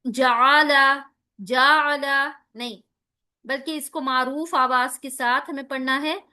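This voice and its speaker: A woman teaching a recitation lesson, spelling out letters slowly and carefully between quick explanations. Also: high voice, steady tone, pushed and bright.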